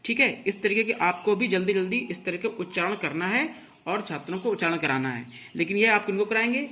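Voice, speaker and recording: A man's voice: sits high, sharp tone, a little hiss or hum. A man teaching a music lesson online, explaining rhythm and counting beats aloud with frequent "thik hai" check-ins. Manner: counts beats and recites tabla syllables slowly. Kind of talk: online lecture.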